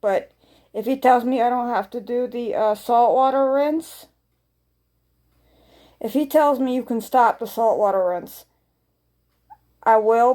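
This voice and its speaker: A woman's voice: on the high side, warm tone. A woman vlogger chatting casually to her viewers in a rambling way, often repeating phrases for emphasis.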